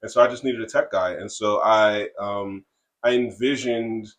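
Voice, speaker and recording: A man co-hosting a casual podcast, talking in halting stretches with many fillers and restarts. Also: lowish voice, fairly even intonation, a bit bright. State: has the hiccups. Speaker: comic creator and co-host.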